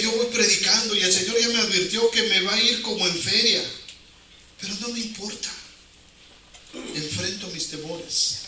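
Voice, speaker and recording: This man's preaching voice is high-pitched, bright and forceful, carrying a Mexican accent. He gives an informal sermon in colloquial language, full of rhetorical questions and phrases repeated for emphasis. The sound comes from a distance in a very echoey, noisy hall.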